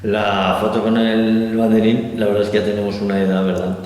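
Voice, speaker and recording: A man hosting an interview, opening with a measured, formal introduction before his first question. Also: fairly low pitch, flat delivery, a little mellow, roomy sound. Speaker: interviewer and host. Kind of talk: scripted introduction then interview.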